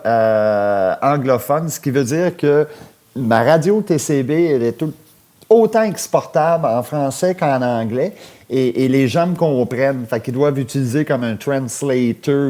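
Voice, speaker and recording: A man's voice: medium pitch, mellow. Rambling radio host, man. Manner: rambling, halting, full of hesitations. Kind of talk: comic radio call-in parody.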